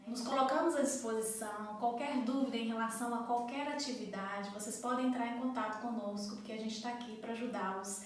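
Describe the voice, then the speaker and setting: Brief: woman coordinator, slightly high voice, patient step-by-step teaching, distant mic in a very echoey room. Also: fairly even intonation, fairly quick, few pauses, slight background noise. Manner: patient, explains step by step, claps out syllables. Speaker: school coordinator. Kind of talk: instructional explanation for parents.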